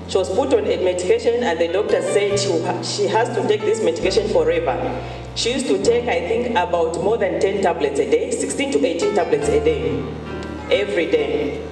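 A woman gives an earnest church testimony, circling back to repeat her key phrases. Her voice carries through a big, long-ringing hall. She stands some way off from the mic, with music playing underneath. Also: mid-range voice. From Zambia. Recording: echoey hall, far from mic, music behind.

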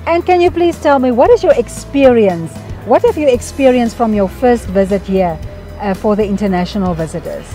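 A woman's voice: on the high side, animated, moderate pace, mellow, soft background music. A woman interviewing church visitors politely, repeating her questions.

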